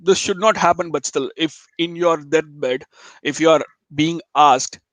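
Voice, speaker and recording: A man's voice: fairly high pitch, measured pace, fairly bright tone, dry recording, low-quality recording. A man from Chennai with a Telugu Indian accent, chatting casually as a webinar guest in an informal, jokey, digressive way. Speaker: guest speaker, web developer.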